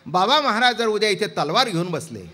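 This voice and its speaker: A man's voice: high voice, expressive, brisk, sharp tone, a little hiss or hum. A man preaching a devotional kirtan sermon, telling stories with acted dialogue and asking the audience questions. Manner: theatrical, acts out dialogue, asks the audience questions.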